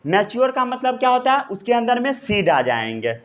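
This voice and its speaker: A man teaches a science class in Hindi. He says the key terms slowly and repeats them, as if dictating notes. He checks often that his students are following. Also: very high voice, big pitch swings. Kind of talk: classroom lecture.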